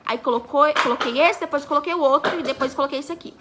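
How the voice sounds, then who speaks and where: A woman's voice: high-pitched, fast, background noise. A young woman in her twenties from Brazil, chatting through a story for her vlog and acting out the dialogue. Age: 20s. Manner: chatty, acts out quoted dialogue. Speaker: vlogger.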